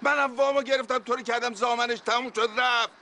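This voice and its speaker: A man's voice: very high-pitched, steady tone, pushed and bright, slight background noise. An actor playing an evasive man who keeps putting off a creditor, placating and brushing him off.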